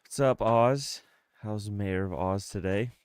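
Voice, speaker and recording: On the low side and smooth, this man's voice moves slowly as he chats casually during a game livestream, commenting on the play. He's in his mid thirties, congested and sniffly, speaking close into a streaming mic with no room sound.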